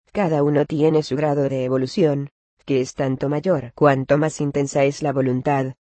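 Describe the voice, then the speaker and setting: A man reads a religious commentary aloud in a measured, even cadence. His mid-pitched voice stays nearly level throughout and has a warm, mellow tone. The sound is close and dry. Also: no room sound. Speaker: reader of a religious text.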